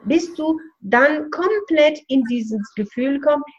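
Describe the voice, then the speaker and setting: Speaking slowly with lively intonation, a woman whose voice sits high gives explanatory, instructive guidance as a spiritual coach in relaxed conversation. The audio quality is dull.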